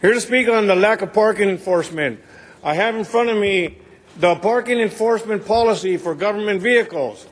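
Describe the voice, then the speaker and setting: A man with a high-pitched voice addresses officials in public comment. His delivery is confrontational and insistent, pressing each point. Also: brisk. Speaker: public speaker at a council meeting.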